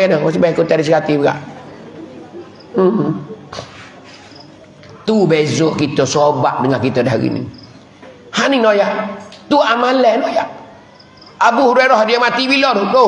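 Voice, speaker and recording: A man's voice: sits high, fairly bright tone. A man with a Patani Malay accent, a religious teacher giving a village mosque sermon, telling stories with chuckles and chanting prayers. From southern Thailand. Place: mosque hall. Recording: echoey hall from a distance.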